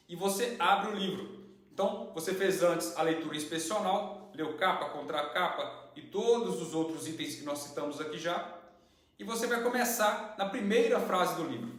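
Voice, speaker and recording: Man, lesson host, fairly high voice, methodical teaching tone, heavy room echo. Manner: didactic, steady, uses worked examples and rhetorical questions. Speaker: channel host and study teacher. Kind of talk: explanatory lesson to camera. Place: indoor room with tiled floor. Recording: very echoey room.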